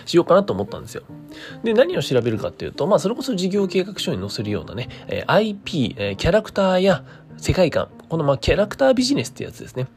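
A man talks casually to his listeners as a stream host, with music playing behind him. His pitch moves around a lot as he slips between courteous announcer phrasing and informal asides. He hesitates and wanders as he works out his thoughts aloud. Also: huge pitch swings, quick pace, darkish tone. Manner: polite presenter phrasing mixed with chatty asides; thinks aloud, hesitant and meandering. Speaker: creator hosting his own daily talk stream. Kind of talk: casual solo monologue to listeners.

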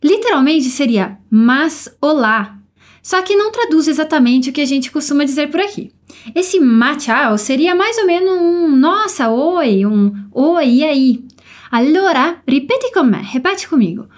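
A high-voiced woman with a Brazilian Portuguese accent runs a podcast language lesson. She sounds upbeat and encouraging and slows down carefully to model each word. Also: expressive. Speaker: language teacher.

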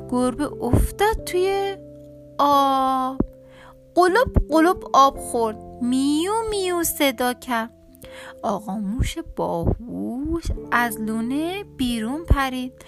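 A woman reading a children's storybook aloud in a lively, expressive way. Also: high-pitched.

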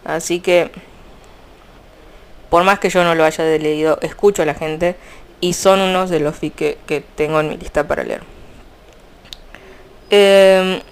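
A young woman with an Argentine accent, chatting casually about fanfiction in a rambling, animated way. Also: fairly low pitch, unhurried, long pauses, smooth. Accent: Argentine Spanish. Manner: chatty, rambling, frequent restarts and fillers. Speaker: fanfiction vlogger. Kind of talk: casual chat.

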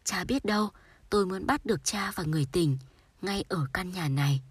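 A woman reading a sorrowful short story aloud in a soft, storytelling manner. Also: fairly low pitch, moderate pace, husky, no echo. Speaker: audiobook narrator. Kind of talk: scripted literary narration.

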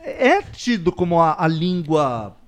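A man on a talk panel, making lively, playful asides. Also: a little high, slow pace, over a noisy crowd. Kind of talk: casual panel chat.

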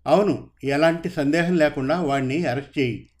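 A man's voice: fairly high pitch, normal speed, lightly acted. A man voicing a grieving older father who speaks sternly about his son's crime in a told story. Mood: grave. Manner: sorrowful, stern.

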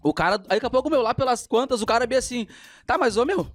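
Man, high voice, quick talker, slangy storytelling, music faintly behind. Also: animated. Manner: rapid slangy storytelling, acts out quotes. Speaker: podcast co-host. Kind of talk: casual storytelling chat.

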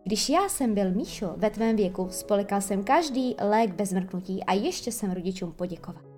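A woman's voice: medium pitch, expressive, darkish tone, soft background music, lightly acted. A woman voicing a pompous, sulky, self-pitying father in a children's audiobook. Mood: blustering. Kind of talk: audiobook character voice.

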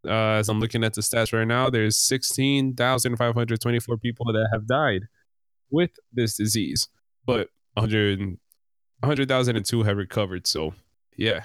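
A man's voice: fairly low pitch, normal speed, a bit bright, no echo. A young man hosting a casual group discussion in a loose, slangy way. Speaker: host of a casual podcast.

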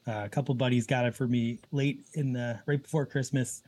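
A man in his thirties, a guest on a podcast, talking in a relaxed way and laughing easily. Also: mid-range voice, fairly quick. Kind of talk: casual conversation.

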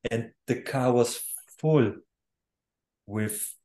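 A man's voice: mid-range voice, very slow, warm tone. A man in his thirties, born in Poland and raised in Germany, speaking English as a second language with German as his first, chatting as an interview guest who laughs easily and restarts his sentences. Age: 30s. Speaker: guest, music producer. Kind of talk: casual interview.

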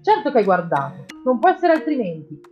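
A woman's voice: fairly high pitch, very animated, a little fast, highs cut off, faint music behind, pitched above the performer's own voice. A woman reading an audiobook, voicing a boastful, bullying father who deals in cars. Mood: angry. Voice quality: loud, bullying, self-satisfied. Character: blustering boastful father, a crooked car dealer.

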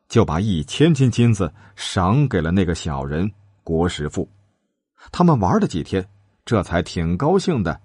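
A man telling a traditional tale with lively, dramatic delivery. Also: husky, no room sound, studio quality. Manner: lively, dramatic, shifting pitch for characters. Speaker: storyteller. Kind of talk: storytelling narration with acted character lines.

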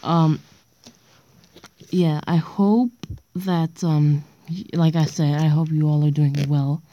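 Low, mellow young girl on a dictaphone. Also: fairly even intonation, slow. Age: child or young teen, around sixth grade. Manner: hesitant, self-deprecating. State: stuffy nose from being sick. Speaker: amateur podcaster. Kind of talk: casual, rambling solo podcast chat. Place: indoors on a bedroom floor, late at night. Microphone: handheld voice recorder. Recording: dull lo-fi dictaphone voice recorder.

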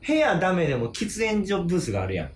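A man's voice: sits high, wildly swooping pitch, quick pace. A man with a Kansai accent, co-hosting a casual podcast chat, easygoing and rambling, often correcting himself. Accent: Kansai Japanese. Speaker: podcast co-host.

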